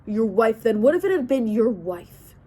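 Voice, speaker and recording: A woman's voice: fairly high pitch, big pitch swings, normal speed, warm tone, husky. A woman voicing a furious, loyal young man who hurls accusations. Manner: accusing, spitting words in anger.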